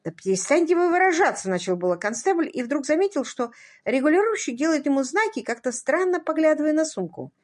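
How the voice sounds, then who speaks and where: A woman narrating a story aloud in an expressive reading style. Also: sits high, brisk. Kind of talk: audiobook narration.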